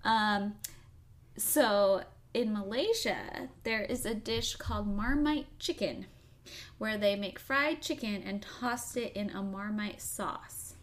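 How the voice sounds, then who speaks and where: A woman's voice: medium pitch, takes it slowly. A woman co-hosting a casual podcast, chatty and teasing, with lots of "like" and "um" as she talks. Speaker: podcast co-host. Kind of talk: casual chat.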